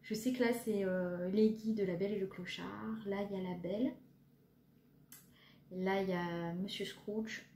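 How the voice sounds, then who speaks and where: A French cross-stitch vlogger in her thirties rambles through her stitching projects in a casual show-and-tell, chatty and hesitant, full of fillers and self-deprecating jokes. Her mid-range voice is mellow, soft, steady, and unhurried. The room echoes, with a faint hiss in the background.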